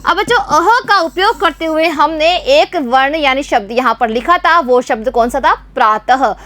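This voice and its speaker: A woman teaching young children to write letters, speaking slowly and clearly, repeating and quizzing them patiently. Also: sits high, a bit bright. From Rajasthan, India. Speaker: primary school teacher. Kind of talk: slow, clear Hindi writing lesson for young children.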